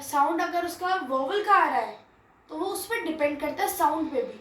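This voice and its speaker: Woman, grammar teacher, answers her own questions, high voice, echoey room. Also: a bit bright, distant mic, slight background noise. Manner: asks rhetorical questions and answers them herself, checks in with "theek hai". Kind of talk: classroom grammar lesson mixing Hindi and English.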